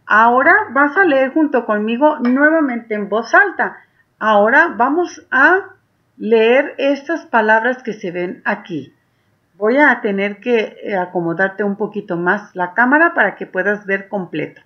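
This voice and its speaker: A woman's voice: a little high, expressive, highs cut off. A woman teacher with a Mexican accent, patiently guiding first graders through a reading lesson, stretching out words for them to follow. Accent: Mexican Spanish. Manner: patient and warm, drawing out words slowly for children to read along. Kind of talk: slow, encouraging reading lesson to young children.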